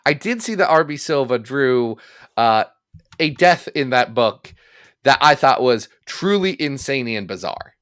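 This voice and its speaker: A man co-hosting a comics podcast in casual comedic chat, jokey and animated, swinging between loud bursts and mumbles. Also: medium pitch, unhurried, smooth. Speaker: podcast co-host.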